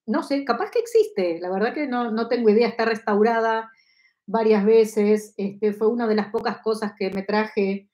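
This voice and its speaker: Slightly high and somewhat dark in tone, this woman speaks at a moderate pace. In her fifties and carrying an Argentine Spanish accent, she teaches Kabbalah in a live online session from her study at home, wearing a lapel mic. Her style is explanatory, and she often seeks the audience's agreement to confirm they're keeping up.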